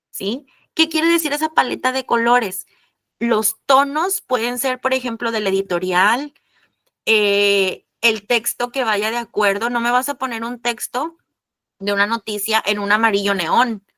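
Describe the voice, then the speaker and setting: A woman's voice: a little high, no echo. Woman teacher, chatty and direct. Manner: warm, chatty, addresses students directly with frequent "¿ok?". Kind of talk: online class explaining reading comprehension.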